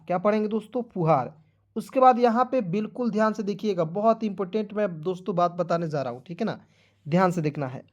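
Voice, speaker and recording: A man teaching an online lesson, spelling letters out slowly, drilling each word and calling his listeners "friends" again and again. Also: high-pitched, a little mellow, dull audio.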